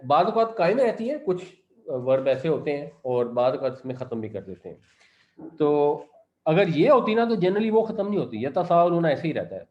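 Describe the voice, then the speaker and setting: A man's voice: on the high side, muffled recording. A man giving a Quran commentary lesson, reciting verses and then explaining their grammar step by step. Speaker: Quran teacher.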